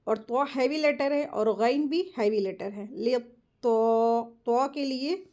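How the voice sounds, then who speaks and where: A woman teaches Quran recitation step by step, explaining each rule quickly and then reciting words slowly as examples. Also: high-pitched, darkish tone. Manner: slow, drawn-out model recitations between quick explanations. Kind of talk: step-by-step tajweed lesson.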